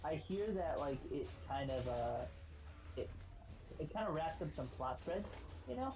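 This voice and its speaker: A man's voice: fairly high pitch, expressive, a little slow, darkish tone, rough recording. A man co-playing on a stream, chatting in a rambling, laid-back way full of fillers. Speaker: guest co-player on a stream. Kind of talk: casual gaming stream chat.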